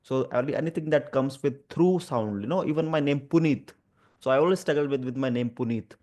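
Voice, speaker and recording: Speaking in a darkish, medium-pitched voice, an Indian-accented man who stammers talks as an advocate about his own experience. His repeated sounds and blocks make the conversational delivery halting, hesitant, and earnest.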